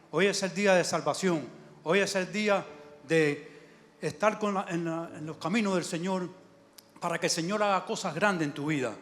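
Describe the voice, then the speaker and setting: Guy preaching in church, high voice, fired up, soft music behind him. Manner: fervent preaching with frequent amen and hallelujah. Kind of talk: sermon. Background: soft instrumental music.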